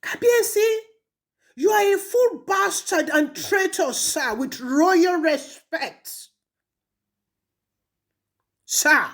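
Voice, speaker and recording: In an animated, very high voice, a Nigerian-accented woman berates an absent person, speaking very slowly and pausing often. Her confrontational monologue blends two languages and is full of taunting, heavily emphasized lines.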